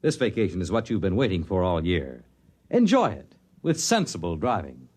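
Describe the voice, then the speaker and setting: A man announcing in 1950s radio style, reading scripted material in a measured, instructive manner. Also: low-pitched, big pitch swings, darkish tone, slightly rough. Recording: restored vintage radio recording.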